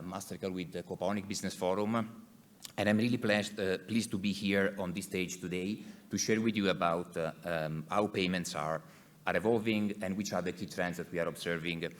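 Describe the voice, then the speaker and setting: A man with an Italian accent giving a conference presentation in English as an executive, speaking haltingly and repeating words. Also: low-pitched.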